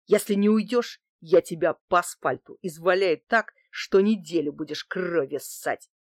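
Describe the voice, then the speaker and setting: A woman voicing a bald, scarred male street thug who talks rough and crude with a growl, in an audiobook. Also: lowish voice, unhurried, dry recording, clean studio sound, close to an everyday voice. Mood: gruff. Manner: growling, rude, crude slang. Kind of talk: audiobook character voice.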